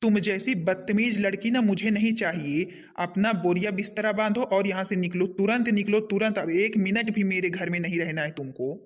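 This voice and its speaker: A man's voice: sits high, moderate pace, few pauses, muffled recording, lightly acted. A man voicing an angry young husband who sternly scolds his wife in a homemade cartoon.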